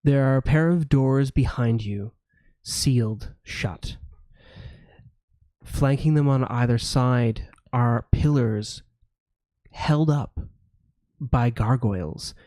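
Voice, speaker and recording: A man's voice: mid-range voice, takes it slowly, long pauses, warm tone, no room sound. A man narrating a tabletop fantasy game as game master.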